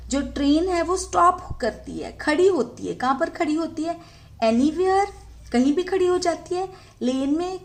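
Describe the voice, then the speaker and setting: A woman teaches young children, with a fairly high voice that rises and falls a lot. She reads each line slowly and carefully and checks in often as she goes. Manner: slow, careful reading of English lines, repeats "ठीक है" often. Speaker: English teacher. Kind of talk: Hindi-explained English lesson for young children.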